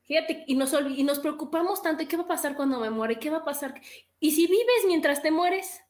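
A woman's voice: high-pitched, expressive, fairly quick. A woman hosting a casual chat, talking in an enthusiastic, encouraging way. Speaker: host.

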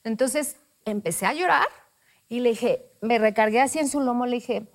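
A woman hosting a casual conversation, telling a lively anecdote and acting out quoted lines. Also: on the high side, normal speed. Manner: lively anecdote teller, acts out quoted dialogue. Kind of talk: casual chat.

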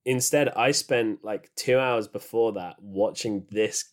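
A man's voice: on the low side, takes it slowly. A man co-hosting a podcast in casual chat, rambling with frequent laughs and restarts. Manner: chatty, laughs often, many restarts. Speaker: podcast co-host.

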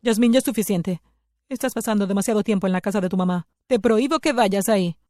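A woman's voice: medium pitch, fast talker, dark tone, dry recording, close to an everyday voice. A stern, angry middle-aged father, played by a woman narrator lays down the law in forbidding tones. The recording is dry and close.

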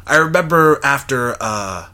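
A man's voice: medium pitch, expressive, a little slow, pushed and bright. A young man in casual conversation about a film, thinking aloud with lots of fillers and restarts.

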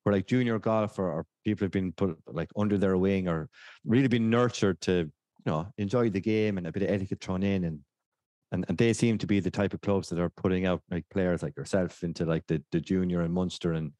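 A man's voice: deep voice, a little fast, dark tone, no room sound. A man from County Clare with a west of Ireland accent, hosting a casual podcast interview in a jokey, self-deprecating way. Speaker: podcast host.

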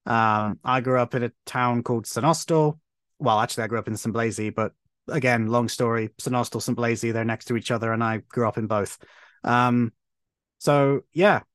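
A man in his 30s from Cornwall, England, appears as a podcast guest in casual conversation, eagerly telling stories with animated delivery and frequent restarts. His voice is medium-pitched, recorded dry and at studio quality.

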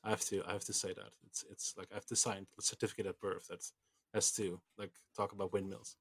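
A man's voice: sits low, flat delivery, fast talker, fairly bright tone, breathy edge. Rambling man on a podcast. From Netherlands. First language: Dutch. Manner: rambling, self-mocking tangents. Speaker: podcast co-host. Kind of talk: casual chat.

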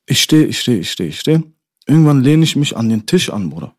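A man's voice: medium pitch, sing-song, brisk, darkish tone, slightly rough, no room sound, studio quality. A young man in a casual chat, animatedly telling a school story to his friends and often calling them "Bruder".

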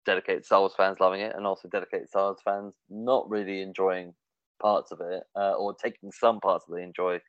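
A man's voice: sits low, level tone, fairly quick, fairly bright tone, no room sound. Hesitant man, dull dry recording. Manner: hesitant, many fillers and restarts. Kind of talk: casual discussion.

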